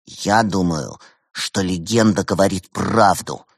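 A man's voice: low voice, takes it slowly, creaky, dry recording, studio quality, full character voice. A man voicing a young male tiger cub ghost, defiant, bloodthirsty and demanding. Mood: gloating.

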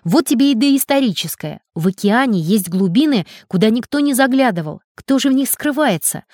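A woman's voice: a little high, lively intonation, normal speed, a little mellow, no echo. A woman voicing a bold, boastful adult male diver in a storybook reading, eager and commanding, in a dry close recording. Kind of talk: storybook character voice.

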